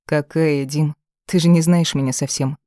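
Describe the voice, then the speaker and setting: Proud young woman, offhand and cutting, in a mellow tone, as the audiobook reader puts her on. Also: sits low, fairly even intonation, normal speed, no echo, studio quality, lightly acted. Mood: hissing.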